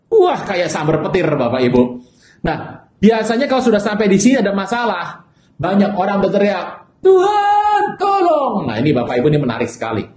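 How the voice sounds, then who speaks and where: A male pastor preaching a sermon in an animated way, acting out people's desperate cries for help. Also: high-pitched, brisk, echoey room.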